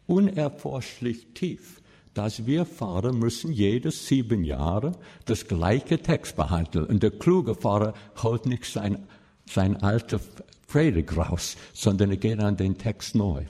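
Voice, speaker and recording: Husky passionate male preacher. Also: lowish voice. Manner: passionate, swinging between loud and soft. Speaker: pastor. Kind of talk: sermon. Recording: long reverb of a large hall.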